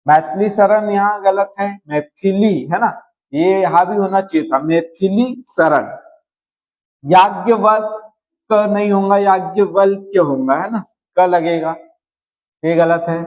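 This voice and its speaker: A man's voice: sits high, a little slow, a little mellow, low-quality recording. A man teaching a Hindi spelling lesson, going through words one at a time and often checking in with his students. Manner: explains word by word, often checks in with "है ना". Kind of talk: slow spelling-correction lesson.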